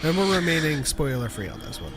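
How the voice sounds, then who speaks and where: A man's voice: a little high, big pitch swings, brisk. Chatty man on a live show over music. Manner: chatty, laughs often, frequent restarts. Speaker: podcast co-host. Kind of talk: casual live-stream chat.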